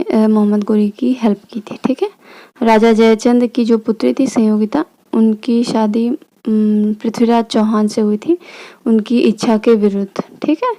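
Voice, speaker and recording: Mellow-voiced woman explaining history. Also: a little high. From India. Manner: chatty, frequent "theek hai" check-ins. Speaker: history teacher. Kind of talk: casual explanatory lesson.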